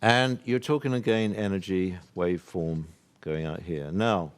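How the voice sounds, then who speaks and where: An older man from the UK speaks to a live workshop audience in a somewhat low voice. He is earnest and emphatic, and he rambles, restarts and laughs along the way. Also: measured pace, clean tone. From United Kingdom.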